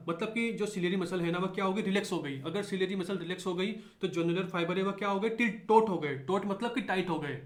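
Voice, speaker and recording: A man giving a medical lecture, repeating key points and asking himself rhetorical questions, mixing English terms into his speech. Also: high voice. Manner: mixes English terms into Hindi. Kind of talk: explanatory lecture. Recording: echoey room.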